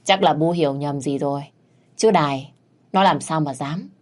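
A woman voicing a young husband who calmly defends his wife on the phone. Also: deep voice, normal speed, natural voice. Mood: defensive.

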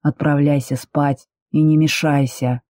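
A man's voice: on the high side, level tone, measured pace, darkish tone, no room sound, clean studio sound, lightly acted. A woman reading an audiobook, voicing a tense, commanding man who is the heroine's beloved, speaking curtly. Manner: curt, commanding.

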